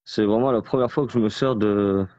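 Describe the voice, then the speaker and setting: A man's voice: on the low side, fairly even intonation, a little fast, dark tone, no room sound. Casting note: male live-stream host, apologetic and fumbling, dry, muffled audio. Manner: flustered, apologetic. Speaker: host of an online group live.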